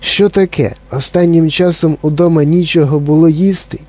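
A man voicing an eccentric, cheerful male candy maker, brisk and excitable, in a storybook reading. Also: on the high side, voice pushed up, natural voice. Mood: excited.

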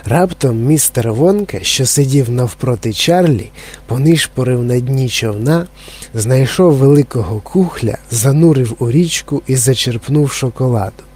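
A man narrating a children's story in a calm, even reading. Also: mid-range voice, measured pace, breathy edge.

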